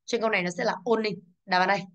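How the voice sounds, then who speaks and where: A woman teaching an English exam class, going briskly through the answers, stressing each English word and asking the class to confirm. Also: mid-range voice, fairly even intonation, a bit bright.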